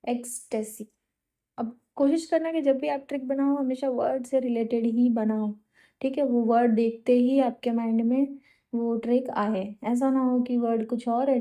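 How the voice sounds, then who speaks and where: A woman's voice: on the high side, mellow. A woman with a Uttar Pradesh–Bihar Hindi accent teaching exam vocabulary in casual Hindi mixed with English, explaining patiently and often checking in.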